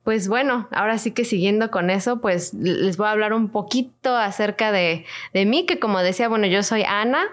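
A Mexican woman in her late twenties, speaking with a Mexican Spanish accent. She co-hosts a podcast in loose, casual chat, circling her point with fillers and restarts, at a middling pitch for a woman. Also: fairly quick, few pauses. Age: 20s. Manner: rambling, many fillers and restarts. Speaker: podcast co-host.

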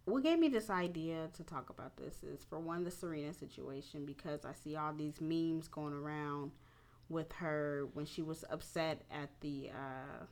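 Female host, low register, mildly tipsy, blunt and informal, opinionated conversational delivery. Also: normal speed, a little mellow. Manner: candid, profane, informal slangy phrasing. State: a little tipsy. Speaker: podcast host. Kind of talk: casual opinionated talk.

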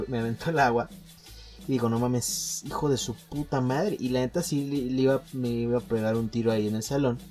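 A young man with a Mexican accent casually telling a school story on a podcast, full of slang, swearing, jokes and halting restarts. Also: medium pitch, a little mellow. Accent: Mexican Spanish.

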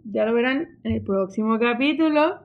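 A young adult woman with a Mexican Spanish accent, co-hosting a casual podcast chat and telling stories in a lively, chatty way. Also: a little high, normal speed, phone-quality sound. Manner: animated, chatty storytelling. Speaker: podcast co-host.

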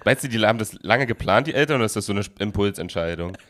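A man's voice: on the low side, animated, racing, a bit bright. A man co-hosting a casual comedy podcast, telling a rambling, self-mocking story among friends. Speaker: podcast co-host.

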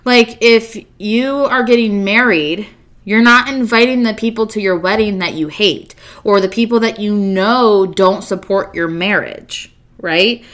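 A woman's voice: medium pitch, fairly bright tone. A woman hosting a podcast, talking in a candid, casual monologue full of rhetorical questions and the odd swear word. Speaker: podcast host.

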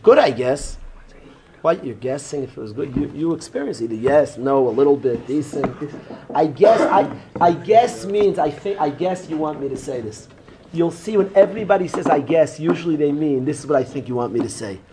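A man's voice: on the high side, moderate pace, background noise. A man, teaching an informal Torah class and joking students he calls by name. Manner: animated, joking, talks straight to students by name. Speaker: rabbi teaching a yeshiva class.

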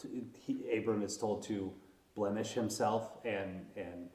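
A man's voice: lowish voice, fairly even intonation, a little slow, a little mellow, roomy sound. A man in a Bible study group, thinking aloud and searching for his words.

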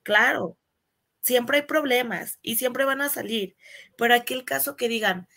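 A woman's voice: a little high, measured pace, gravelly, pushed and bright. A woman co-hosting a casual podcast, making firm points with quoted examples. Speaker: podcast co-host.

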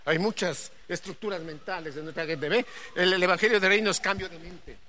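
A woman preaching a sermon to a congregation, dropping to a hush and then rising to loud, emphatic calls, and asking the listeners to repeat her phrases. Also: fairly low pitch, fairly quick.

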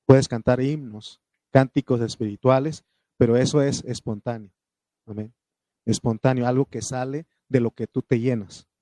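Male preacher, warm voice in a dry room; fervent sermon delivery, calls on the congregation, reads scripture loud and slow. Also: medium pitch, fairly even intonation, no echo. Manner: fervent, calls out questions to the congregation, punctuated with amen; reads scripture aloud in a raised, drawn-out voice.

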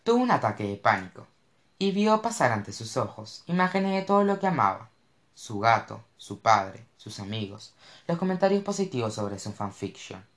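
A man narrating a novel in an expressive, animated reading style. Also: mid-range voice, moderate pace. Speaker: audiobook narrator. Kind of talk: scripted narration. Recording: roomy echo.

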